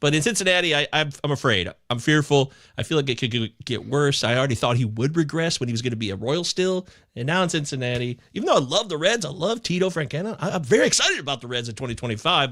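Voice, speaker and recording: Animated, bright-voiced man on a podcast. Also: medium pitch, quick pace. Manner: animated, theatrical, swinging between loud outbursts and quiet asides. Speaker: fantasy baseball analyst. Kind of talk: casual podcast chat.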